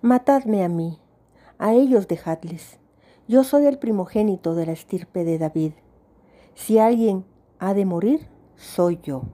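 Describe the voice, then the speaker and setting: A woman reading aloud gives voice to a frightened but brave father. He speaks earnestly, pleading for his family. The tone is dark and mellow. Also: mid-range voice, measured pace, lightly acted.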